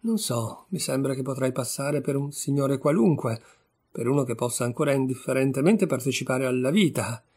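A man's voice: medium pitch, moderate pace, darkish tone, slightly rough. A man reading a short story aloud, voicing a bitter, sardonic young man disgraced after a trial. He speaks with wry irony.

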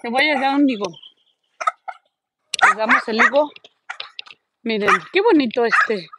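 A woman chatting casually into her phone while she walks outdoors, and she coos in a high voice at the dogs she passes. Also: expressive, normal speed, heavy background noise. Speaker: vlogger. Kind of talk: casual walking vlog. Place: outdoors on a neighborhood street. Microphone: phone held while walking.

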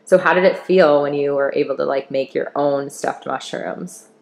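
In a roomy-sounding home kitchen, a woman chef conducts a casual, friendly interview with a friend, using plenty of fillers. Her low voice is gravelly and darkish, with a steady tone at a normal speed.

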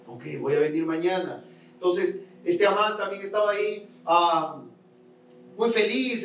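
High-voiced male pastor preaching, echoey church, mic a bit far, lots of repeating and questions to the crowd. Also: slight background noise. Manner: storytelling, acts out voices of the king and Haman; emphatic repetition, rhetorical questions to the congregation. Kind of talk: sermon. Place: large church sanctuary. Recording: roomy church sound from a distance.

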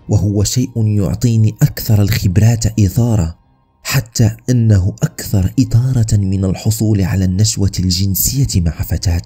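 A man voicing a cold, boastful male serial killer in a narrated true-crime story, with a flat, menacing delivery. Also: low voice, breathy edge.

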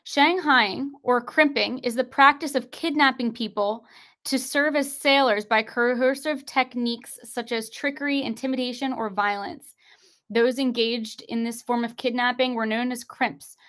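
A woman's voice: on the high side, steady tone, measured pace, fairly bright tone. A young woman hosting an online livestream, reading articles aloud and pressing her viewers with rhetorical questions from her desk. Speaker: online show host. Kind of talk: conspiracy commentary livestream. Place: indoors at a desk, screen-sharing.

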